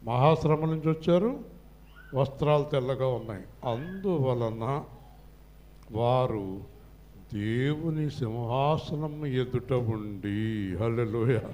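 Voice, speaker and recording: A middle-aged pastor preaching a sermon, swinging from quiet storytelling to loud, impassioned passages. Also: male voice, medium pitch, slow pace, pauses often, slight background noise.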